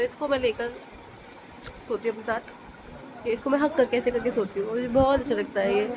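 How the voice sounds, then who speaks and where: A young woman, sick with a blocked nose, chatting casually in a home vlog and scolding loudly at times. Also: sits high. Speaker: vlogger. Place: at home, indoors.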